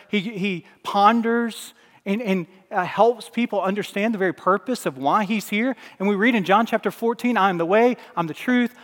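High-voiced preacher in a reverberant hall. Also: male voice. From Alabama. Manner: emphatic preaching with swells and drops in volume. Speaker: pastor. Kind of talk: sermon.

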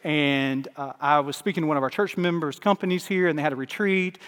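A man's voice: on the high side, fairly quick, a bit bright, smooth, in a large hall. A man from Alabama, a pastor, preaching a sermon with emphatic swells and drops in volume.

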